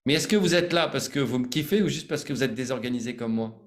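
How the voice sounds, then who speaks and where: A man's voice: medium pitch, quick pace, reverberant. A man hosting a live online sales training, chatty and informal, hesitating often with fillers.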